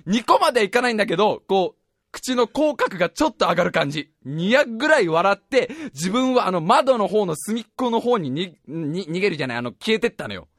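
A man hosting a show, telling a comic story in an animated, self-mocking way and often laughing as he talks. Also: sits high, brisk, no echo.

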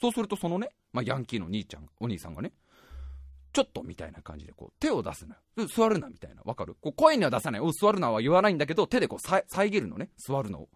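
A man hosting a show, telling a comic story in an animated, self-mocking way and often laughing as he talks. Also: medium pitch, racing, few pauses, husky, no echo, clean studio sound.

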